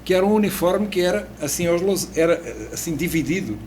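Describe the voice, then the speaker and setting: This sixty-something podcast guest from Portugal has a high-leaning, a little mellow voice with lively intonation and a brisk pace. In his European Portuguese accent he relates his life story casually, hesitating with fillers and restarting lines, over a little hiss or hum.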